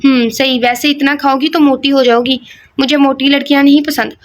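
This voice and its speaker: A playful young man who teases and coaxes his fiancée in a storybook romance, read by a woman. The voice sits high and light, and his lines come in a fond, wheedling tone. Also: steady tone, close to an everyday voice. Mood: teasing. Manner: playful, coaxing.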